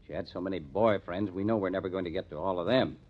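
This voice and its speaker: On a muffled vintage recording, a low-voiced man talks fast as a plainspoken police detective captain in an old-time radio crime drama. His delivery is businesslike, matter-of-fact, and emphatic.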